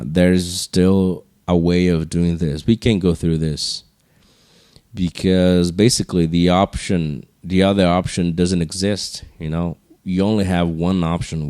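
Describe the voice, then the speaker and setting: A man hosting a podcast solo, speaking slowly in a low, hushed register with casual, rambling, earnest encouragement. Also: flat delivery, dry recording, studio quality. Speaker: podcast host.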